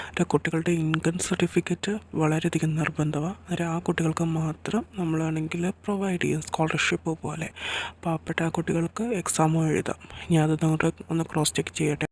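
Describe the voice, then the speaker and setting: A man acting out dialogue in an audio drama story in a flat, matter-of-fact official tone. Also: a little high, brisk. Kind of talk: acted dialogue in a fan-fiction audio story.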